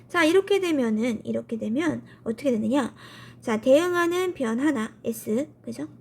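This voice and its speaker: Female math teacher, high voice, casual quiz-and-answer lecturing. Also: lively intonation, normal speed, gravelly, a little mellow, husky. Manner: asks questions and answers them herself; colloquial, upbeat, often starts with "so".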